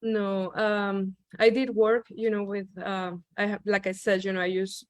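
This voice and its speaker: A Venezuelan visiting artist speaks at a measured pace in a level, medium-pitched voice, with no echo, during a casual video call. Her speech is hesitant and thick with "um" and "you know."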